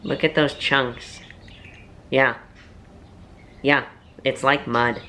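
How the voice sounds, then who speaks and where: A young man talks to camera in a relaxed food-tasting vlog, rambling through stories and self-mocking jokes. His voice is bright and forward. The room lends it a noticeable echo. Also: mid-range voice, very slow. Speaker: vlogger and voiceover artist. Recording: roomy echo.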